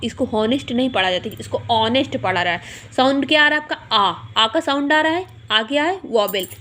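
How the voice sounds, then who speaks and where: A woman teacher, slowly explaining a grammar lesson and spelling words out letter by letter. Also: high-pitched, fairly bright tone. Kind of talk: Hindi grammar lesson explaining English articles.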